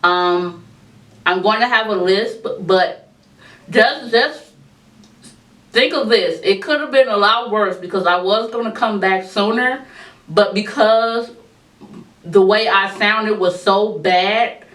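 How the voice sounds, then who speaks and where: This woman vlogger talks slowly in a medium-pitched, fairly bright voice, pausing often, with a lisp caused by braces and a tongue crib. Her casual life update is chatty and informal, addressed to viewers as y'all, and the audio has a roomy echo since she's far from the mic.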